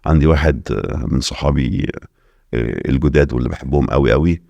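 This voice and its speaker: A middle-aged Egyptian man with an extremely low, deep voice races through his answers as a podcast guest, slipping English phrases in along the way. His voice is recorded close and dry, with no room sound at all. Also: vocal fry, dark tone, dry recording, dull audio. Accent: Egyptian Arabic. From Alexandria, Egypt. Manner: rapid talk mixing in English phrases. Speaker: investor guest. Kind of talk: casual podcast interview.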